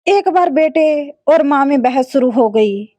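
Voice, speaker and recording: High-voiced woman storyteller. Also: lively intonation, a little slow, mellow, no room sound. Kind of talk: moral storybook narration.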